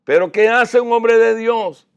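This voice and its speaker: A male preacher delivering a language sermon, moving from low, quiet passages to loud, high-pitched exhortation. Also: a little slow, vocal fry, clean tone.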